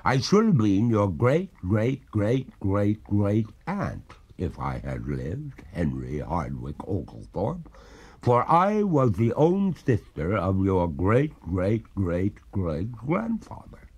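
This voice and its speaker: Guy doing a gurgly old lady ghost, slow and stately, kinda distant, husky. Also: fairly low pitch, big pitch swings, a little mellow, full character voice. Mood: mournful. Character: haughty drowned maiden ghost, two centuries old.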